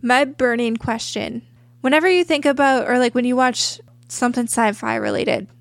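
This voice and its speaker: Higher-voiced woman in casual conversation. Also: moderate pace, gravelly, no room sound. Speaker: podcast co-host. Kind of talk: casual chat.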